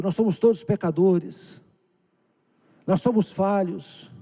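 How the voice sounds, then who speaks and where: A Brazilian pastor delivers a sermon in a high, dark-toned male voice. He preaches emphatically, pressing hard in quick bursts and then dropping to a hush, and he puts questions straight to his congregation. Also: vocal fry. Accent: Brazilian Portuguese. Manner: emphatic preaching, swinging between loud urgent bursts and hushed low passages; addresses the congregation directly with questions. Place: church sanctuary.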